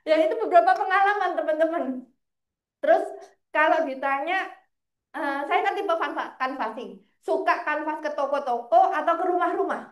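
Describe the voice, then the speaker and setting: A woman, a financial planner telling lively stories in a casual interview, often laughing. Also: sits high, fairly quick, muffled recording. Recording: roomy echo.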